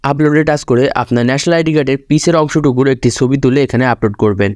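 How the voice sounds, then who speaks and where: Rapid-talking man narrating a phone tutorial. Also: medium pitch, a little mellow, dry recording, clean studio sound. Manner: step-by-step instructive, addresses viewer directly. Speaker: tutorial host. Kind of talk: screen-recorded tutorial narration.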